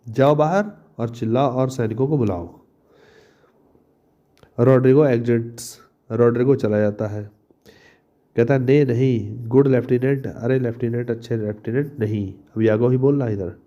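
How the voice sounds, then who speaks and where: A male teacher explaining a play line by line, reading each English line slowly and then explaining it in Hindi. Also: medium pitch, warm tone, lo-fi sound.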